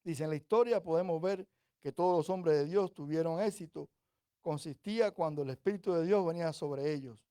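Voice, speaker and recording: A Cuban preacher delivers a sermon in a mellow, dark, smooth voice that sits a little high. He speaks conversationally, checking in with rhetorical "¿cierto?" questions, then grows louder and slower for emphasis when reading scripture. The recording is dry and close, with no echo.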